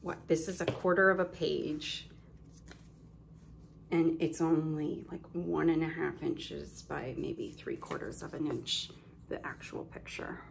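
A woman chats casually to her camera at home, showing off her stitching with plenty of ums and restarts. Her voice sits low with a gravelly edge and sounds a little congested. A faint hiss runs under the recording. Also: steady tone, slow. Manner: chatty, rambling, many ums and self-corrections. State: slightly congested, coughing now and then. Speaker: cross-stitch vlogger. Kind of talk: casual show-and-tell chat.

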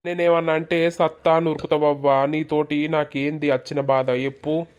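A performer voices a hurt, resentful village man with a Telangana Telugu accent, speaking reproachfully and pleadingly in animated village comedy dialogue. The voice is mid-range, clear and resonant, with a level tone and moderate pace. The sound is lo-fi and the acting is light.

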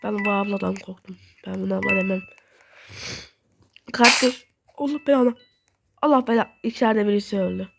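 A young woman giving casual, excitable commentary while playing a game and talking to her viewers. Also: mid-range voice, brisk, gravelly, pauses often, noisy background. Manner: chatty, excitable, talks to viewers. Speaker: gaming video host.

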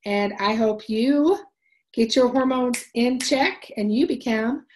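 A woman in her forties hosts a wellness livestream from home, speaking into a webcam at her desk as she earnestly tells a personal story full of ums and restarts. Her voice is loud, a little high, and slow. The indoor recording is rough, with slight background noise.

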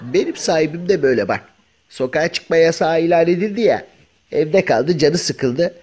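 A man's voice: fairly high pitch, animated, moderate pace, darkish tone, some chatter behind, a little hiss or hum, close to an everyday voice. A man voicing a chatty male house cat in a comic dubbing of pet videos, joking and grumbling with many exclamations. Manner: colloquial, joking, full of exclamations.

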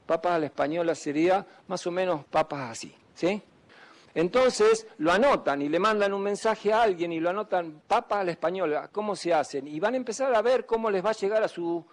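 Doc giving a talk, fairly high voice, keeps asking the crowd stuff. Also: male voice, moderate pace. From Argentina. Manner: asks the audience questions, emphatic. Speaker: doctor giving a health talk. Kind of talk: public talk to students.

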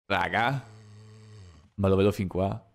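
A man streaming a horror game, commenting live and swearing, jumping from low muttering to yelling. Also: creaky. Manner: swearing, excitable, quick shifts from muttering to yelling. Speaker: gaming streamer.

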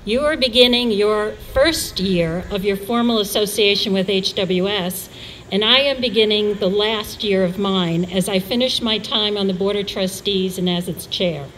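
A woman in her sixties from New York City, giving a measured, storytelling convocation address as chair of the trustees. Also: mid-range voice, a bit bright, slight background noise, rough recording. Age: 60s. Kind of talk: formal speech.

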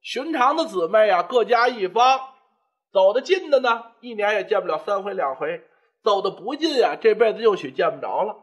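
A man's voice: high voice, big pitch swings, normal speed. A male storyteller voicing a cheerful young woman speaking fondly to her sister. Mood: happy.

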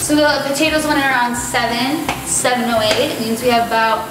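A woman's voice: fairly high pitch, fairly even intonation, brisk, noisy background. A young woman in her twenties chatting casually and exclaiming as she cooks in her home kitchen, recorded by a camera mic at medium distance. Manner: chatty, exclaiming, self-mocking. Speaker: vlogger cooking in her kitchen. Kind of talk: casual cooking vlog. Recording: echoey kitchen with background music.

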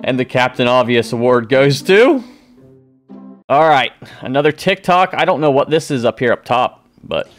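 Animated man reacting to clips. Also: mid-range voice, moderate pace, soft background music. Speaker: reaction video host. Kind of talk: casual commentary on clips. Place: small indoor streaming room.

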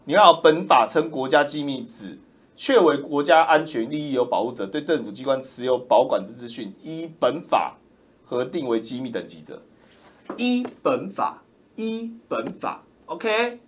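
A man, ranting loudly and mockingly as a political commentator on a livestream. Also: medium pitch, expressive, moderate pace. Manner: loud, roaring, mocking, insulting.

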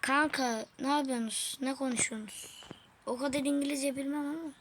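A woman giving excitable, slangy play-by-play commentary while gaming, talking to her viewers and her teammates. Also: sits high, brisk, slight background noise. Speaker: gaming video creator. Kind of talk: live let's-play commentary. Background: game music.

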